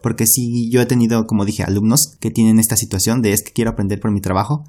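Guy cohosting a spanish teaching podcast, lowish voice, steady and agreeable. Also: fast. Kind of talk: casual podcast conversation.

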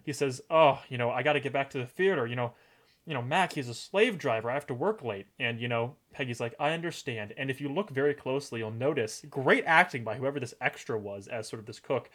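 A man co-hosting a podcast, chatting casually about a TV episode, laughing often and acting out lines from scenes. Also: medium pitch. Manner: animated, laughs often, quotes scenes in character. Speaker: podcast co-host.

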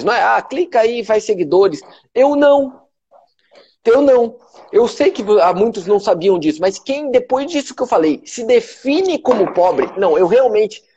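On a motivational live talk to followers, a man with a Brazilian Portuguese accent speaks emphatically and repetitively, cursing freely. His voice is high, warm, and husky, and the highs are cut off.

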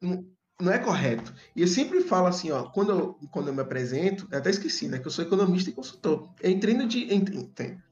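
A podcast host speaks fast in a high, darkish voice with big pitch swings and hardly any pauses. He has a tongue-tied, slushy lisp, stumbling over and repeating words self-deprecatingly. The lo-fi audio is dull, with background music.

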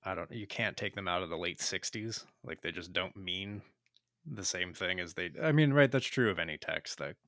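A man's voice: low-pitched, moderate pace, a bit bright, no room sound, studio quality. A man with a Pennsylvania accent, co-hosting a podcast, asking long rambling questions full of fillers. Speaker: podcast co-host. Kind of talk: casual film discussion.

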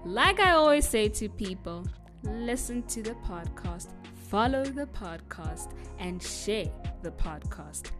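Over music, a young South African woman speaks slowly at medium pitch, her voice swinging widely up and down. She's the host of a solo podcast answering listener assumptions, giggly and chatty with frequent likes and ums, recorded in an echoey room.

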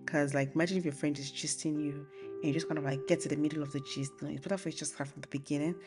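A young woman hosting a casual faith podcast, chatting informally and thinking aloud in a relaxed, rambling way. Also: low voice, very fast. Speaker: podcast host. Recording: soft guitar music behind the voice. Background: acoustic guitar music.

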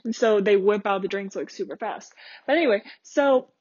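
A woman's voice: medium pitch, normal speed, a little mellow, slight background noise. A young adult woman hosting a podcast, telling a casual story in a chatty, rambling way with lots of fillers and restarts. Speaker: podcast host. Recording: dull lo-fi dry recording.

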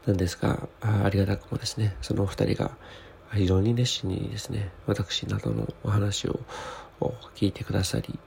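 A man keeping a spoken audio diary as a podcast host, talking in a hushed, whispery late-night voice so as not to wake anyone, in a humble and very polite way. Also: fairly low pitch, flat delivery, brisk, vocal fry, slight background noise. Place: small toilet room indoors.

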